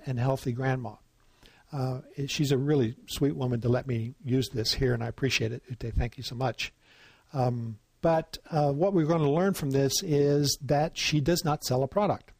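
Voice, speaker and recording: A man teaching an online writing workshop in a relaxed, chatty way, often pausing with um and uh. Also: medium pitch, dry recording.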